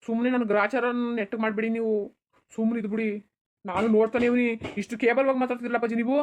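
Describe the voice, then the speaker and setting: A headstrong young son in a village cartoon, voiced by a woman, arguing back hard. He speaks very fast, in a mid-pitched voice. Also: level tone, natural voice. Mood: defiant. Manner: argumentative, insistent. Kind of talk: cartoon dubbing.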